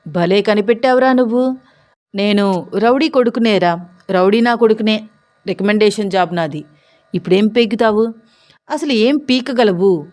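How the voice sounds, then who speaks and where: A woman's voice: medium pitch, a little slow, pauses often, close to an everyday voice. A woman voicing a rude, drunk, corrupt male head constable who bullies and mocks. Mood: mocking. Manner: bullying, mocking, shouting.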